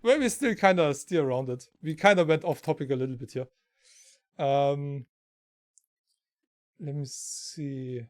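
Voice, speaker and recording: German guy with a high voice hosting a stream, rambling stories, laughs a lot. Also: unhurried, pauses often. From South Germany. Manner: rambling anecdotes, laughs often. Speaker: stream host. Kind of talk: casual stream chat.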